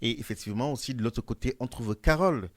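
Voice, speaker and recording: A man hosting a radio talk show in a studio, asking his guests long, formal questions in a measured way. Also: mid-range voice, no echo. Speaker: radio host.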